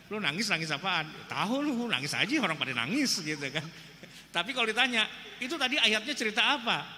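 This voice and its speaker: Bright-voiced joking Jakarta preacher, echoey hall. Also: male voice, fairly high pitch. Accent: Jakarta Indonesian. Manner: chatty, joking, addresses audience as "Pak". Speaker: Islamic preacher. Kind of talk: informal religious lecture. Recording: reverberant hall with faint noise.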